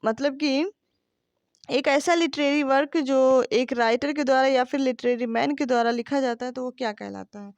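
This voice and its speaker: Speaking at normal speed in a high voice, a woman prepares students for an English literature exam by reading questions and then explaining them. She answers her own rhetorical questions and calls her listeners friends. There is no echo.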